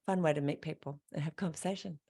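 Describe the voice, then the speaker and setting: A woman's voice: sits low, quick pace, dark tone, breathy edge. An Australian woman hosting a podcast interview, chatty and encouraging, laughing often. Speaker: podcast host. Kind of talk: casual interview chat.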